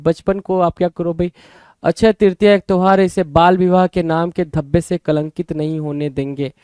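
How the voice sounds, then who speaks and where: High, clear-voiced man teaching vocabulary. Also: a little mellow, dry recording. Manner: repeats words with rhetorical questions to the viewer. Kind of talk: exam-prep vocabulary lesson.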